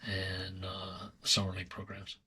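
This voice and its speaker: A man in his sixties, a pitching coach, talking in an easygoing, hesitant way in an interview. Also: completely flat delivery, a little slow, sharp tone, breathy edge. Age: 60s. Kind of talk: casual interview talk.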